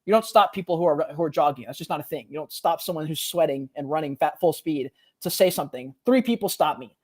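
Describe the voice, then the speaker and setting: A young man, a podcast guest, telling a personal story in casual chat, animated and slangy, acting out what people said. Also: on the high side, fast. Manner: animated, slangy, says "bro" often, acts out quotes.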